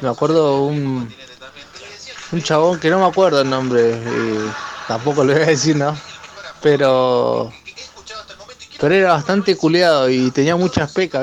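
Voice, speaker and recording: A man, sending a radio show a casual voice message with an unhurried, halting anecdote. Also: fairly high pitch.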